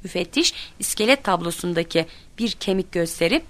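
A woman reading a children's story aloud, told as letters between friends, with lively voices for the people in it. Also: brisk. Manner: lively, voices quoted children and teachers with raised pitch. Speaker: narrator reading a children's book.

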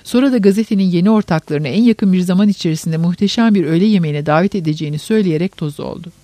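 A man narrating an audiobook in a measured, even reading. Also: sits high, no room sound.

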